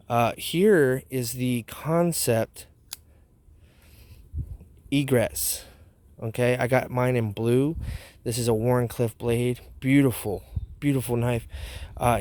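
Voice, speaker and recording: A man's voice: mid-range voice, steady tone, takes it slowly, long pauses, darkish tone. A man hosting a casual product review vlog outdoors, talking with a wad of chewing tobacco dip in his mouth. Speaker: knife review channel host.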